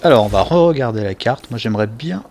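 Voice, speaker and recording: A man's voice: medium pitch, animated, fast talker, darkish tone. A man hosting a let's play, giving chatty, self-mocking gameplay commentary.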